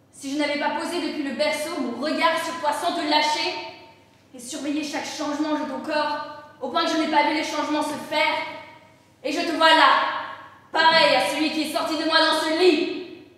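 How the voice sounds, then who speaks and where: A distraught mother torn between fury and grief, played by a young woman on a school stage. Her voice sits high and she bursts into shouting, then sinks to a near murmur. The sound comes from far off in a hall with a long, booming echo. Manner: swings from shouted rage to hushed grief. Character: anguished middle-aged mother of a murderer. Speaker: stage actor. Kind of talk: live school stage play. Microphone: distant room mic. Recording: echoey hall recorded from far off.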